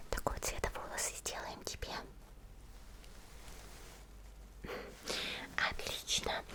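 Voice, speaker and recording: In a natural voice, a woman voices a friendly monster girl for a whispered ASMR roleplay, murmuring breathily to the listener. She is gentle, unhurried and attentive, with a caring, reassuring mood.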